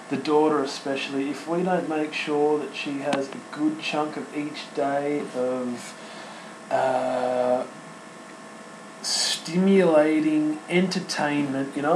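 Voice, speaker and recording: An Australian man in his thirties hosting an unscripted solo podcast, chatty and sentimental, talking in halting bursts full of restarts and fillers. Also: fairly high pitch, roomy sound, a little hiss or hum, low-quality recording. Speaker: podcast host. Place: home studio.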